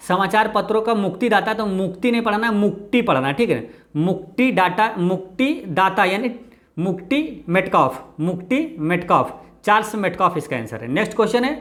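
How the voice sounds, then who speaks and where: Bihari man explaining exam answers. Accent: Bihari Hindi. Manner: repeats "ye dhyan rakhna hai" with a low, quiet drop. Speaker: exam-prep teacher.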